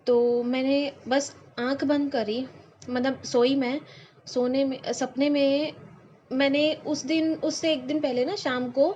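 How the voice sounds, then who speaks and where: A woman's voice: high-pitched, level tone, slow, darkish tone, slight background noise. A young woman telling a devotional story in an emotional, rambling way, with many fillers and restarts. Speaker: devotee sharing experience. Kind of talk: devotional testimony talk. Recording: dull lo-fi with faint ambience.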